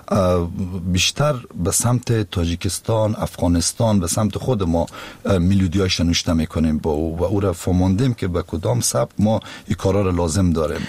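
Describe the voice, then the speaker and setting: Low husky Afghan Dari-accented man. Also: a little mellow, dry recording. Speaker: singer. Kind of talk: casual interview chat.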